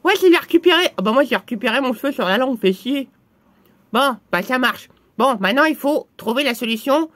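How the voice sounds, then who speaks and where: A man doing a squeaky foul-mouthed little guy. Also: expressive, fairly quick, a bit bright, dry recording. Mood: bickering. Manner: crude swearing, bickering back and forth. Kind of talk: comedy sketch dialogue.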